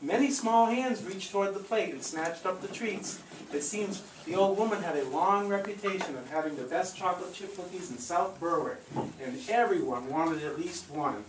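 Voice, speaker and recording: Speaking at a moderate pace in a mid-range voice, the storyteller leads a live audio theatre reading, theatrical and encouraging, with coaching asides. Audio is from a handheld camcorder at a distance in an echoey, noisy room.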